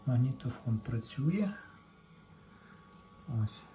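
Speaking slowly in an expressive, dark, mid-range voice, an electronics repair vlogger walks viewers through a repair step by step in plain, casual terms. The home-made recording is clearly noisy.

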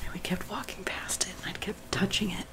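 Whispering close to the listener's ear, the young ASMR host rambles on from his love seat in a small home room, captured on a sensitive, high-gain microphone. This time his high voice moves briskly with fairly even intonation.

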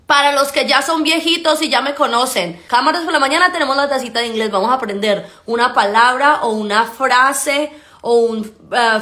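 A woman's voice: high voice, pushed and bright. Upbeat woman teaching English. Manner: upbeat, coaxing, checks in with frequent "ok?"; drawn-out slow demonstrations of English sounds. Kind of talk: live online mini-lesson.

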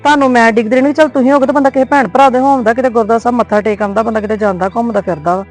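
Actress as a firm young wife on a phone call, brisk talker, faint music under it. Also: female voice, on the high side, steady tone, natural voice. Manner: placating but firm on the phone. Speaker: daughter-in-law. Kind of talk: web series drama.

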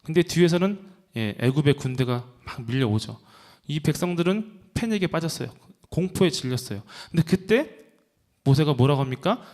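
A young male preacher delivers an emphatic sermon and keeps asking his listeners questions. His voice sits a little high for a man. It swings widely in pitch as he presses his points. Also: expressive, moderate pace, a little mellow. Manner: asks the congregation many questions, emphatic. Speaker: youth ministry preacher.

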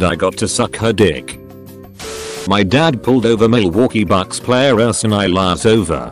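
A man with a lowish voice narrating a string of short online stories. His reading is steady and matter-of-fact, moving from post to post without fuss. Quiet background music sits faintly under him. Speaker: narrator of forum posts. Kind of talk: scripted narration.

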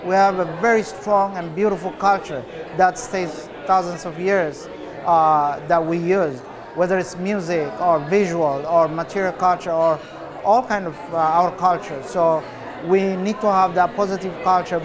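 A man in his forties from Ethiopia, an artist answering interview questions in a relaxed, unhurried way with many filler pauses, recorded indoors in a cafe. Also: sits high, crowd noise.

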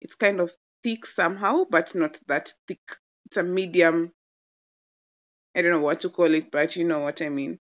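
A woman's voice: lowish voice, steady tone, normal speed, lo-fi sound. A young woman in her twenties chatting casually as she narrates a home cooking demo, playful and gushing about the food. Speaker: cooking vlogger.

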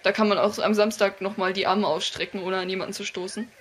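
A young woman chatting in a casual, excitable and giggly way as a vlog co-host, recorded in a small dark room. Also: mid-range voice, quick pace, husky. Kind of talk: casual chat.

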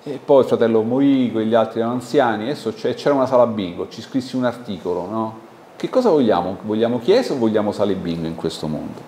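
A man with an Italian accent preaching a sermon in a lively, conversational way, asking the congregation questions. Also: lowish voice, quick pace. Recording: echoey church hall with faint background noise.

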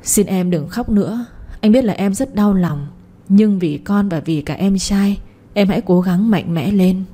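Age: young adult. Figure: a woman playing a gentle, steady husband. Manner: warm, even, consoling, mellow and a little breathy. Style: audiobook storytelling. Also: sits high, moderate pace. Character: tender grieving young husband, calm and steady.

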